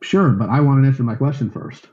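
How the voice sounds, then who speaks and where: A man's voice: mid-range voice, animated, fast, darkish tone. A man moderating a heated voice call, confrontational and scolding. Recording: dull lo-fi voice chat audio.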